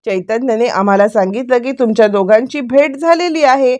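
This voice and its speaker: A woman's voice: a little high, normal speed, natural voice. A woman voicing a worried, caring family woman. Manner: gentle, questioning.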